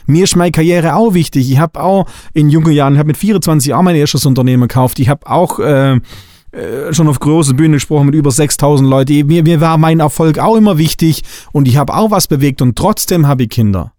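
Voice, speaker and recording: A man's voice: fairly high pitch, a little fast, dark tone, dry recording, studio quality. A middle-aged man from Swabia hosting a coaching podcast, talking bluntly and emphatically, hammering his points home. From Swabia, Germany. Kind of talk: spiritual coaching podcast monologue.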